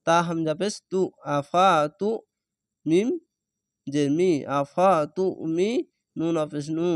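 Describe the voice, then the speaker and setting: A man's voice: a little high, dry recording, studio quality. A man from Bangladesh teaching Quran reading, spelling each word letter by letter and syllable by syllable, then reciting the whole word. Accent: Bangladeshi Bengali. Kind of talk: slow spelling-out recitation lesson.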